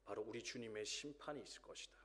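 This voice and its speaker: A man's voice: lowish voice, fast talker, a bit bright. A man in his thirties preaching a sermon in a church, telling a story and acting out the voices in it. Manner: storytelling, acting out a dialogue between students. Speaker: pastor. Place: church sanctuary.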